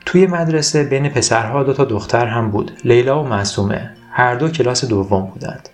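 A man reading a children's story aloud as a calm, scripted narration. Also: mid-range voice, faint music behind.

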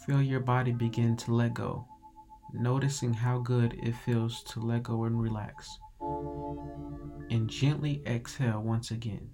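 A man narrating a guided meditation in a calm, soothing, measured meditative tone. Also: medium pitch. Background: music.

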